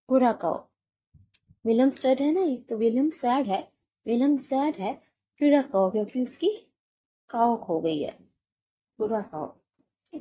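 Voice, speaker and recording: A woman's voice: a little high, muffled recording, a little hiss or hum. A woman teaching an exam-prep lesson, explaining memory tricks and repeating each one several times.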